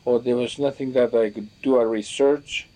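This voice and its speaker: A man recalling what elders taught him, talking in a reflective, halting way with many restarts as he searches for words. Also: medium pitch, fairly even intonation, warm tone. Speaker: storyteller recalling teachings from elders. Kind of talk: reflective spoken recollection.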